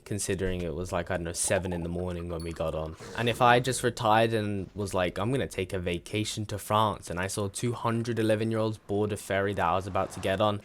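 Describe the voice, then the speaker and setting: A fifteen-year-old British male telling a casual story as video commentary in a deadpan, dry and slightly halting conversational way. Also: fairly low pitch, a little hiss or hum. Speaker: gaming video creator narrating.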